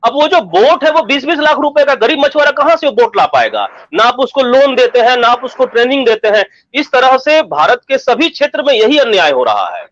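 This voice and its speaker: A high, lively-voiced man joins the debate over a remote call line. He speaks slowly and emphatically, with rhetorical questions. His voice comes through the call dull and lo-fi. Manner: emphatic, asks rhetorical questions, keeps checking he is heard. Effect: voice heard over a remote call line. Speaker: panel discussion guest.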